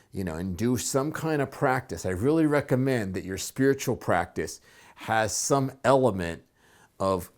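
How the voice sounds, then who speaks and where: A man with a fairly low voice talks calmly and reflectively, offering advice in a solo video. His speech is loose and unhurried, full of fillers and restarts as he works through his thoughts. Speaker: psychotherapist and coach. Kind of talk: solo advice talk to camera.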